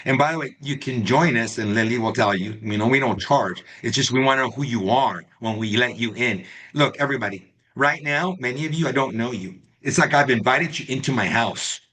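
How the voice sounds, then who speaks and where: A man's voice: medium pitch, brisk, few pauses, a bit bright. A man coaching real estate agents in a live online class, talking straight to his students and often checking in with "right?" and "okay?". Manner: talks to the class, tags lines with right and okay.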